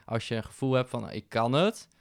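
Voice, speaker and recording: A man's voice: mid-range voice, expressive, fairly quick, creaky, dry recording, studio quality. A man talking as a podcast guest in casual conversation, reflective, with frequent fillers and restarts. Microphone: podcast microphone.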